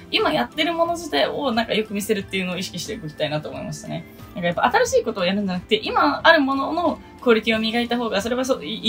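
In her solo vlog, a young idol producer from Okinawa, Japan, in her twenties, casually chats her way through a list of goals. She speaks in a low voice and pokes fun at herself now and then.

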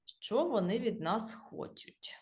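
A woman's voice: mid-range voice, sing-song, slow, a little mellow, echoey room. A woman with a Ukrainian accent, an English teacher who explains grammar to beginners patiently, spelling out word endings letter by letter.

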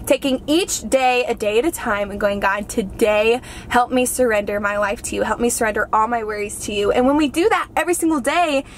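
A woman's voice: on the high side, fairly quick, hardly any pauses, slight background noise. Bubbly young woman chatting in a car. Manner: gushing, heartfelt, lots of "like". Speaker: vlogger. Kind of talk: casual chat. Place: inside a parked car. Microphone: camera on the dashboard.

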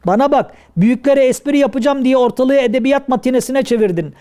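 A man voicing a rough, hot-headed bully in a traditional shadow puppet play, bossy and shouting threats. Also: extremely high pitch, quick pace. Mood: scolding.

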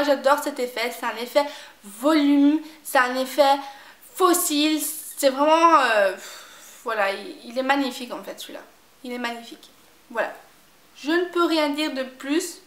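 A woman chatting casually about makeup she has used up, repeating herself and filling pauses often. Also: high voice, a bit bright, reverberant. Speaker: beauty vlogger. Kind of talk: casual product review chat.

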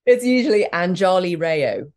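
A fairly low, sing-song, slightly mellow voice comes from a middle-aged woman with a British accent who is from Australia. As a guest in a candid conversational interview, she speaks emphatically and frankly and is quick to laugh.

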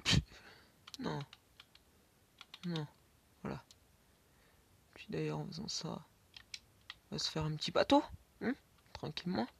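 His voice is a little high, fairly bright, and husky, with vocal fry; he's expressive yet unhurried and leaves long pauses. This gaming YouTuber narrates a Minecraft let's play, talking to himself, swearing, and occasionally whispering as keyboard and mouse clicks are heard.

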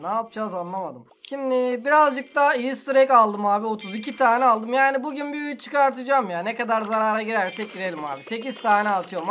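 A man's voice: high-pitched, fairly bright tone, a little hiss or hum. A man hosting a gaming channel, giving casual gameplay commentary in an exasperated, complaining, slangy way.

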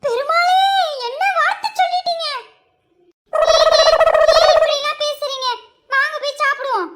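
A woman's voice: extremely high pitch, animated, normal speed, sharp tone, exaggerated voice. A woman playing a jealous, scolding wife who cries out and laments dramatically in a comedy skit. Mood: wheedling. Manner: dramatic lamenting, crying out to God. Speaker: comic actor in a skit.

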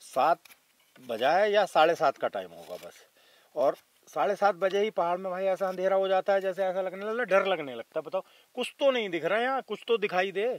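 A man's voice: sits high, expressive, brisk, no echo. A man in his thirties vlogging casually while he camps alone outdoors at night, recorded by a camera a few metres off. He talks to viewers in an easy, chatty way. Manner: chatty, keeps calling viewers brother. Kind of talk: casual solo camping vlog. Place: outdoors at night beside a tractor caravan on a hilltop.

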